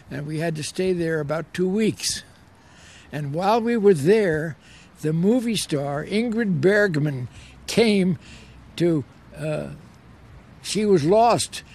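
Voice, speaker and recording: A man's voice: a little high, a little slow, darkish tone. An elderly American man, an old war veteran, remembering his service in an interview, telling it unhurriedly and repeating words for emphasis. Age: 80s or older. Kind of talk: reminiscing in an interview.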